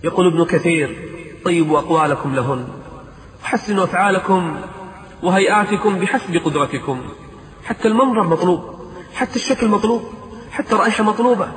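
Fervent high-voiced preacher in echoing hall. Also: male voice, animated, quick pace, long pauses, fairly bright tone, slight background noise. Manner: fervent, pleading, rhetorical questions; chants verses in a sung tone. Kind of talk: sermon. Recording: echoey hall.

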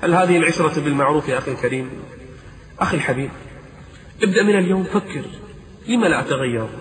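Fervent high-voiced preacher in echoing hall. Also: male voice, rapid-fire. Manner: fervent, pleading, rhetorical questions; chants verses in a sung tone. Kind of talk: sermon. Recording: echoey hall.

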